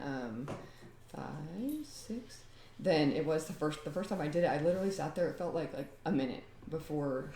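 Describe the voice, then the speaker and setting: A woman's voice: low-pitched, darkish tone, echoey room, slight background noise. A woman chatting casually at home, rambling and laughing as she demonstrates a homemade recipe. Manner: rambling and talkative, often laughing. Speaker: home DIY vlogger.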